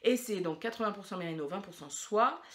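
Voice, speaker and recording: A woman's voice: medium pitch, lively intonation, a little fast, fairly bright tone, a little hiss or hum. A woman hosting a knitting podcast, chatting casually and rambling with many fillers and restarts. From France. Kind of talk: casual chat to camera.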